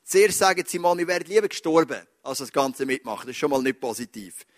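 High-voiced pastor preaching. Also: male voice, animated, fast. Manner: emphatic, shifting between loud urging and low asides. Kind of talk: sermon.

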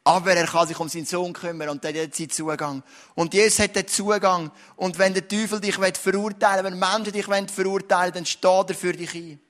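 A man's voice: high-pitched, level tone, fairly quick, a bit bright. A male pastor with a Swiss German accent, preaching a sermon in an earnest style that rises to emphatic declarations.

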